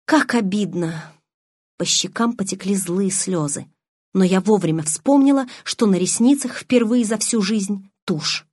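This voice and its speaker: A woman narrating a first-person audiobook in an expressive, emotional reading. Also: mid-range voice, a little slow, dry recording, studio quality.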